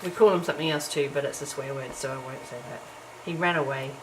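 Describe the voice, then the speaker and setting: A middle-aged woman with a bass voice talks at a quick pace while crafting at home early in the morning, her voice croaky from just waking up. This crafting vlogger is chatty and self-deprecating, full of ums and small laughs. The home recording from the camera's built-in mic is noisy.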